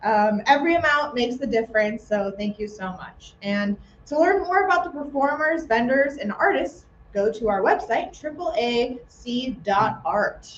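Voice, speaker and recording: A woman with a high, bright voice hosts a live festival from a theater stage, chatty and upbeat with playful self-joking asides. She speaks into a stage microphone. The sound is roomy and a little muffled, with faint noise behind her. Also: lively intonation, moderate pace, hardly any pauses. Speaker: festival emcee. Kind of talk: live event announcements.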